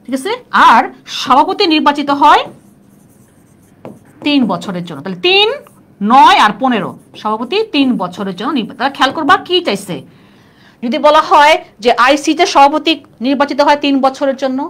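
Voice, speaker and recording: A woman's voice: high voice, animated, normal speed, a bit bright. A young woman teaching a live online class, chatty and constantly checking in with students. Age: young adult. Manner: chatty, quizzing students with "clear?". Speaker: admission test tutor.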